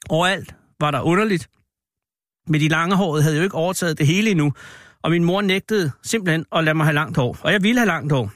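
Male host in his 50s, dry close sound, sardonic rambling monologue, a touch higher pitched than most men. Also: a bit bright, no echo. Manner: sardonic and rambling, with mild swearing. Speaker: radio host. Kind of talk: satirical radio monologue.

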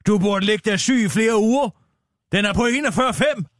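A man's voice: sits high, a bit bright, no room sound, studio quality. A man playing a brazen, self-important female radio news anchor in satirical comedy, with a needling, theatrical manner. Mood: needling, mocking.

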